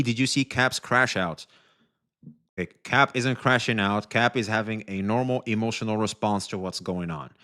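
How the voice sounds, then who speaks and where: A male streamer with a medium-pitched voice addresses his chat directly, giving animated commentary laced with profanity.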